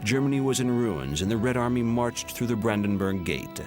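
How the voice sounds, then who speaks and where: A man giving measured, solemn scripted narration for a documentary. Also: medium pitch, lively intonation. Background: music.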